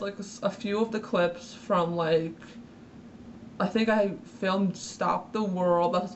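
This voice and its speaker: A woman in her twenties, a new YouTuber, chatting excitedly in a casual fan vlog and filling her talk with "like". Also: lowish voice. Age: 20s. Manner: gushing, excitable, filler-heavy ("like"). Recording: dull, distant audio with faint hiss.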